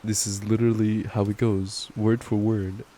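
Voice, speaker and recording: Steady rain sounds run under this boyfriend ASMR clip, where a young man does intimate bedtime reading. He speaks at normal speed in a lowish voice, keeping things affectionate, casual and playful.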